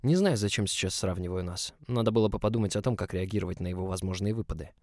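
A man reading a first-person audiobook in a calm, even, low-key way. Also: quick pace, no room sound, studio quality. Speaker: audiobook narrator.

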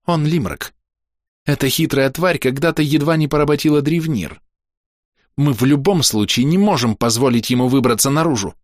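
A man's voice: mid-range voice, moderate pace, no echo, clean studio sound, pitched above the performer's own voice, natural voice. A man voicing a spiteful fox-tailed young woman who snarls and sneers in a raised voice. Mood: cold. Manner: snarling, venomous.

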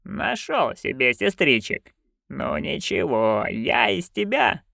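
A seething old witch woman with a quick temper and a proud bearing, as a male storyteller puts her on. She hisses and growls her words slowly, low and gravelly, with the voice leaping in sudden swells. A dry, close audiobook sound. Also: sing-song, sharp tone, no echo, exaggerated voice. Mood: raging. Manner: hissing, growling, slow and low.

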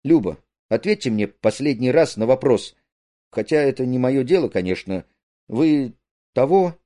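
A man reading a play aloud, voicing an earnest, jealous young man who talks haltingly. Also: mid-range voice, animated, mellow, natural voice.

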